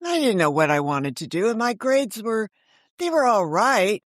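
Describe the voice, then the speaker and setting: Here the older woman, around seventy, talks at a moderate pace in a mid-range, sing-song voice, with clean studio sound and no room noise. As an interview guest and author of audio dramas, she's chatty and candid, telling easygoing anecdotes and acting out quotes.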